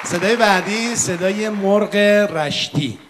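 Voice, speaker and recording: A man's voice: high-pitched, crowd noise, noisy background. A man hosting a comedy sketch on stage, playing the exasperated straight man. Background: live audience.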